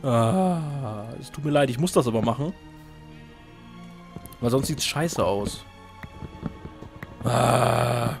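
A man's voice: medium pitch, slow, creaky, long pauses, faint music behind. A young man casually chatting while playing and answering viewer questions, joking at his own expense. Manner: chatty, self-mocking, jokey. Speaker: let's play host. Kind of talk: casual gaming commentary.

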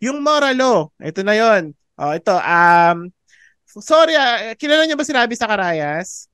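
Theology teacher, online class; conversational, code-switching, checks in with students a lot; smooth voice, dry close sound. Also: medium pitch, sing-song, a little slow, fairly bright tone, dry recording. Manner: chatty, mixes English into Tagalog, asks "di ba?" often; laughs often between points. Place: online class over a video call. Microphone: video call microphone.

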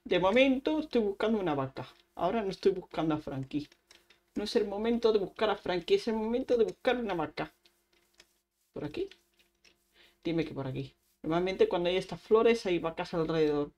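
Woman, lower pitch, casual game streaming, chatty self-talk. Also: expressive, fairly quick, a little mellow. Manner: chatty, talks to herself and the game, sound effects like "pam". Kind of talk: casual Minecraft let's play.

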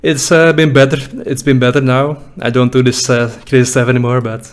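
Reacting to his old videos at a desk boom mic with headphones in a small room, a young YouTuber with a Dutch-speaking Belgian accent laughs, jokes and swears freely. His mid-range voice is flat and a little fast.

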